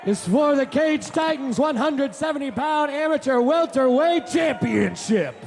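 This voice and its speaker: A man announces fighters in classic boxing ring style, his voice pushed very high and loud. He stretches his words slowly like a booming showman, with a crowd around him at a live event. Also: lively intonation, creaky, faint music behind. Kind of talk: boxing ring announcer introductions, shouted and drawn out. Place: cage fight venue with a crowd.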